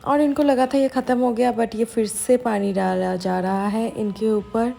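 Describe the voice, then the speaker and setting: A woman's voice: fairly high pitch, steady tone, unhurried, creaky, warm tone, faint music behind. A woman from India narrating a vlog in a casual, chatty way, switching between Hindi and English. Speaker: vlogger.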